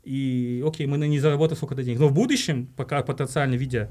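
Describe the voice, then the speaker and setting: A man's voice: medium pitch, fast, a little mellow. A man from Uzbekistan, a marketing director, talking as a podcast guest and explaining his views at length, often calling his listeners "guys". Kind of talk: casual interview talk.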